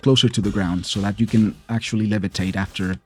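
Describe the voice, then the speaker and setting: Dark-voiced man muttering over a boss fight. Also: fairly low pitch, steady tone, fast. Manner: chatty, mutters to himself, argues with the boss. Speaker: gameplay streamer. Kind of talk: casual let's play commentary.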